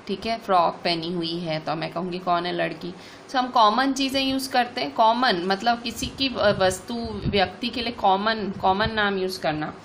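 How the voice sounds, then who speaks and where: A woman's voice: mid-range voice, fairly bright tone. Woman teaching grammar, faint hiss. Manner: explains slowly, repeats "ठीक है" and restates points. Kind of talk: online class lecture.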